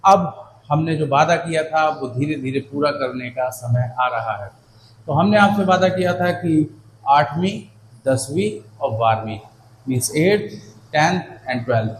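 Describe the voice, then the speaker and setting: A man teaching an English lesson in Hindi, warmly encouraging his students and checking in often with "theek hai na," slowing down to spell out English words and their meanings. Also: a little high. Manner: affectionate and encouraging, addresses students as children and "beta"; slows right down for English phrases and word meanings. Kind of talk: Hindi-medium exam-prep lesson. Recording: echoey room with faint background hum.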